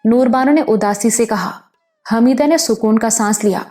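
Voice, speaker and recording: A woman calmly narrating a novel as an audiobook. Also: on the high side. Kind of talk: scripted narration.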